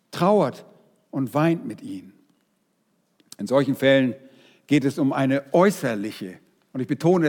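German preacher in a reverberant hall. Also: male voice, fairly high pitch. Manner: lively, addresses the congregation directly. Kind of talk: sermon.

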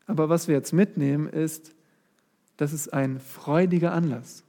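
Slow-paced preacher, higher male voice. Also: mellow. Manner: addresses the congregation directly, rising voice on key words. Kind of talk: sermon with scripture reading.

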